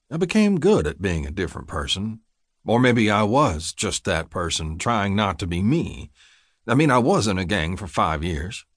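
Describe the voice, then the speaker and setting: A man reading a gritty first-person story aloud in a steady, plain-spoken way. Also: on the low side, no echo, studio quality. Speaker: audiobook narrator. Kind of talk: scripted first-person narration.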